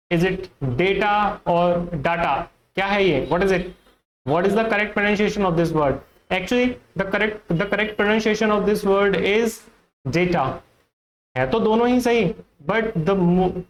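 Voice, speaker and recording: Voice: mid-range voice, low-quality recording. A teacher with an Indian accent giving an online pronunciation lesson, repeating each word and asking viewers questions.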